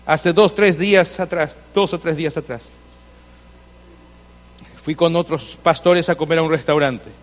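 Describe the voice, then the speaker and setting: A man's voice: a little high, fairly even intonation, a little slow, pauses often, big-room sound, lo-fi sound. A male pastor preaching a sermon in a church, telling stories to the congregation and addressing them directly, with insistent repetition.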